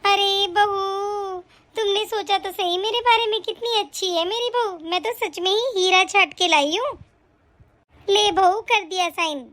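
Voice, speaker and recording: A woman voicing a sharp-tongued older mother-in-law in an animated family story. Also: extremely high pitch, unhurried. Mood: pleased. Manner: sharp scolding, shouting orders. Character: scolding, greedy-then-betrayed older mother-in-law.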